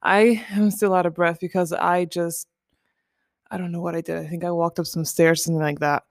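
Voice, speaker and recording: A woman's voice: lowish voice, little pitch movement, fairly quick, dry recording, clean studio sound. A woman in her twenties hosting a casual pillow-talk chat from her living room, rambling and chatty. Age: 20s. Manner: rambling, chatty, many "like" and "you know". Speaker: podcast host.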